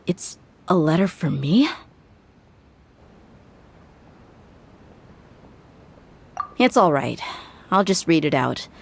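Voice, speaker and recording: A woman's voice: fairly low pitch, very animated, a little slow, creaky, slight background noise, heavily acted. An actress playing a tough, blunt young female mercenary in a video game, wry and plain-spoken. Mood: subdued.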